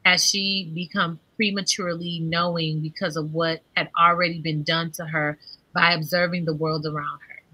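Woman, 30s, American accent, forceful bright voice a touch low, book club host thinking aloud on a video call. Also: little pitch movement, moderate pace, low-quality recording. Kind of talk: discussion with reading aloud. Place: indoor room at home, video call. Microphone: computer mic on video call.

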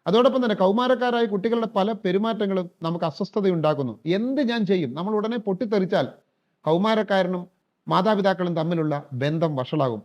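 A man's voice: sits high, fairly quick, darkish tone. A middle-aged man telling a story and giving advice as a counselor. He speaks earnestly and addresses his listeners directly. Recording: dull lo-fi recording.

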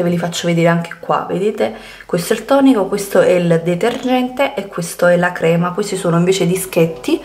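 Young female influencer, low-pitched and chatty, recorded at home in a reverberant bedroom. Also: a little mellow, a little hiss or hum. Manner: chatty, many fillers and restarts. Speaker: beauty influencer. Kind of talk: casual vlog chat. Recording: echoey room.

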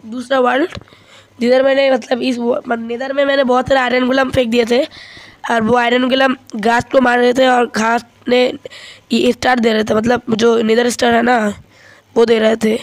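Here a young guy with a very high-pitched voice talks at normal speed, trading banter with a friend over a game. It's relaxed gameplay chatter that gets excitable when danger hits.

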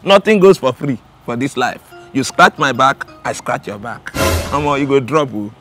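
A man's voice: medium pitch, animated, over music, close to an everyday voice. A man with a Nigerian accent playing a wary, teasing friend in a comedy skit who bargains slyly. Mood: bargaining. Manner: teasing, quick laughter.

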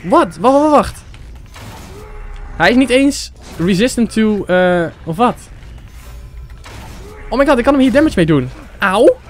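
Young man, Dutch accent, gaming commentary, excitable, high voice, faint music behind. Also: unhurried, long pauses. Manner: excitable, swears, shouts at the game. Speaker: gaming YouTuber. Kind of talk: casual let's-play commentary. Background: game music.

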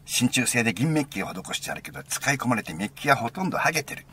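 A man voicing an excited young male student who gushes in a loud, rapid rush, with an Osaka accent. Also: sits high, creaky, a little hiss or hum, voice pushed up, full character voice.

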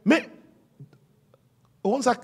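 A man's voice: very slow, darkish tone. A middle-aged man with a Haitian Creole accent preaching a sermon, mixing Creole and French, exhorting with "amen" and "hein?". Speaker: pastor.

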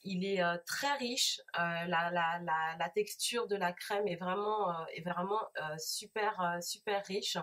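A woman vlogger talking casually about hair products she bought, pausing often with fillers and restarts. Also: fairly low pitch, fairly bright tone. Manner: hesitant, many fillers and restarts. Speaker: beauty vlogger. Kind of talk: casual product haul review.

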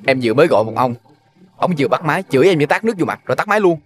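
An eager young gang underling, played by a man rattles off his words at breakneck speed. His voice sits slightly high. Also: animated, racing, close to an everyday voice. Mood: reporting.

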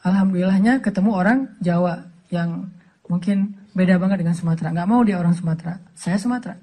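A man's voice: sits high, quick pace. A man from Aceh preaching a humorous sermon, telling stories and acting out the voices he quotes. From Aceh, Indonesia. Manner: animated, joking, acts out quoted voices. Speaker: Islamic preacher.

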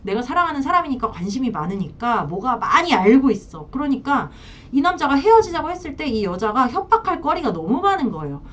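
A woman's voice: high-pitched, very animated, fairly quick, few pauses, a bit bright. A woman counselor giving blunt advice on affairs and divorce, telling the story with acted-out dialogue. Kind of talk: advice talk to camera. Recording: dull lo-fi sound.

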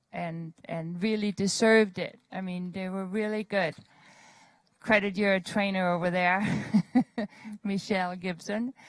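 Female judge giving encouraging feedback. Lowish, steady voice, dry sound. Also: dry recording, low-quality recording. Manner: encouraging, repeats words for emphasis. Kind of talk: spoken feedback to a rider.

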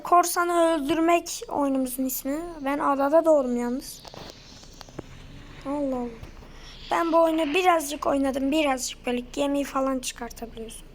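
A woman hosting a casual let's-play video with a hoarse throat, giving excitable commentary with loud sudden outbursts at the game. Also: sits high, a little hiss or hum. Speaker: gaming video host.

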